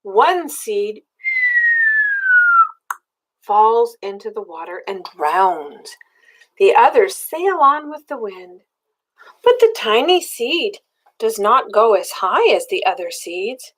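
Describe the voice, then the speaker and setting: On a low-quality recording, an older woman reads a children's picture book aloud like a grandmother, in a medium-pitched voice, slowly and with long pauses. She reads expressively, asking the young listener simple questions in tones meant for a small child.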